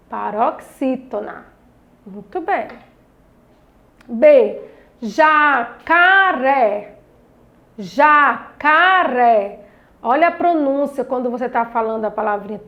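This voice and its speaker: A woman's voice: sits high, highs cut off. A woman teacher with a Brazilian Portuguese accent, patiently coaching young pupils through a grammar lesson, stretching out words syllable by syllable. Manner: patient, drawn-out syllables, coaxing questions to pupils. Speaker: primary school teacher. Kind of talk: recorded grammar lesson for children.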